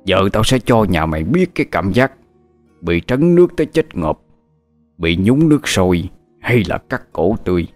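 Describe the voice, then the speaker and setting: A man's voice: deep voice, very animated, normal speed, a little mellow, faint music behind. A man voicing a vengeful dog spirit that has possessed an old husband, hissing threats. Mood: menacing. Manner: menacing, hissing threats through teeth.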